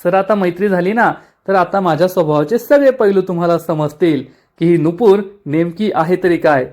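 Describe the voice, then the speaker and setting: A man's voice: sits high, normal speed, a little mellow, natural voice. A man voicing a cheeky young woman employee in a TV serial recap, speaking in a bubbly, teasing way. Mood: playful.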